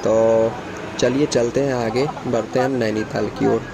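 A man's voice: mid-range voice, steady tone, moderate pace, a loud crowd, rough recording. A man narrating a casual travel vlog from inside a moving bus, chatting to viewers about the mountain scenery. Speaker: travel vlogger. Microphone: handheld camera by the bus window. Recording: clear vehicle noise behind. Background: bus engine and road noise.

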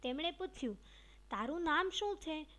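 High-voiced woman reading a story. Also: lively intonation, normal speed, pushed and bright. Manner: reads dialogue with light expression; addresses young pupils directly. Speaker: teacher reading a textbook story. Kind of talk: storybook read-aloud for children.

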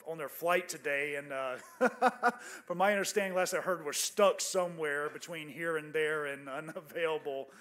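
Man introducing a panel, halting and chatty. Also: fairly high pitch, fairly even intonation, fairly bright tone. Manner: halting, many fillers, chuckling asides. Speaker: conference emcee. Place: conference hall stage.

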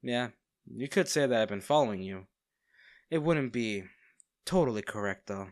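In an intimate audio roleplay, a man plays a male villain who is smitten with the hero he holds captive, addressing the listener directly with teasing, smug theatrical pauses. The mid-range voice is natural and expressive, recorded clean in a studio with no echo.

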